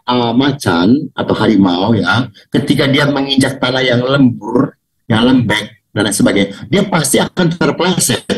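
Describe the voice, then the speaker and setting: An older man preaching a sermon over a video call, swinging from loud, mocking highs to low, quiet asides. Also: low-quality recording. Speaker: pastor.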